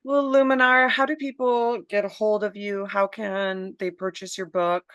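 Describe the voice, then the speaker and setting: A woman's voice: mid-range voice, fairly even intonation, moderate pace, a bit bright, smooth, no room sound, lo-fi sound. A woman from the United States hosting an interview, friendly and laughing easily as she asks questions. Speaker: podcast host. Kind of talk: casual interview.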